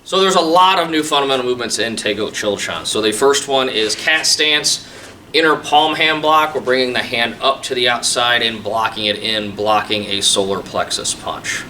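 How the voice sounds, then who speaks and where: A man teaches taekwondo in an informal, explanatory tutorial style. His voice is bright and firm at a medium pitch. The microphone is some distance away. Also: normal speed. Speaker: taekwondo instructor. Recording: distant mic, faint room noise.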